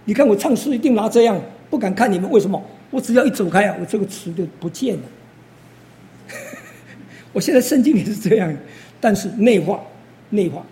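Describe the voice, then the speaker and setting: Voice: mid-range voice, fast talker, mellow. Older preacher telling stories. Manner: storytelling, full of interjections and acted quotes. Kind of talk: testimony sermon.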